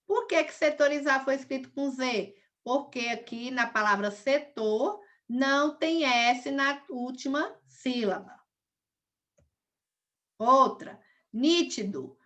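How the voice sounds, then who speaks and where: Bright-voiced woman teaching a class. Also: high-pitched. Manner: patient, repeats each example step by step. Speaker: primary school teacher. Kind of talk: recorded video lesson.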